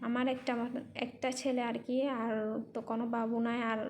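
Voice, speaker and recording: A brisk, completely flat, slightly high woman's voice, with a little hiss or hum in the audio. The vlogger, a mother in Malaysia, narrates casually in non-native Bengali shaped by a Chittagong accent, repeating ideas in simple words.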